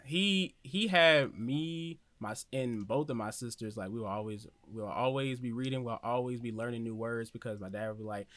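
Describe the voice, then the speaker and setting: A man's voice: medium pitch, normal speed, few pauses, a bit bright, no room sound. A man chatting loosely as a podcast guest, slangy and full of fillers. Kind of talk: casual podcast chat.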